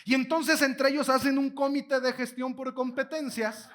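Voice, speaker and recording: High-voiced, bright Mexican speaker. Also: male voice, normal speed, a little hiss or hum. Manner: animated, slangy, joking retelling. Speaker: keynote speaker. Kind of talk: motivational keynote storytelling.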